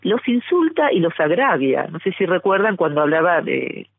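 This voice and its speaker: A woman's voice: on the low side, big pitch swings, moderate pace, slightly rough, no room sound. A middle-aged woman from Argentina with an Argentine accent, a guest giving a fluent, argumentative phone interview. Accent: Argentine Spanish. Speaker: guest, journalist and psychologist. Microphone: telephone. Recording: tinny phone line.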